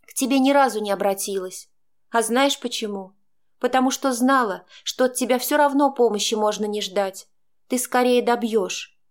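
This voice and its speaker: A woman voicing a defiant young pregnant daughter who speaks in an agitated, sharp way. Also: on the high side, moderate pace, natural voice.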